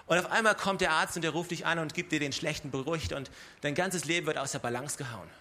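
A man's voice: on the high side, quick pace, bright, forceful tone, slight background noise. A man preaching a sermon in a conversational way, speaking straight to his listeners with rhetorical questions. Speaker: pastor.

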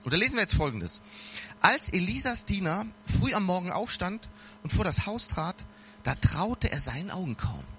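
Lively, high-voiced man preaching casually. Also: normal speed, faint music behind. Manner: speaks directly to listeners, casual and earnest. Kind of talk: informal sermon.

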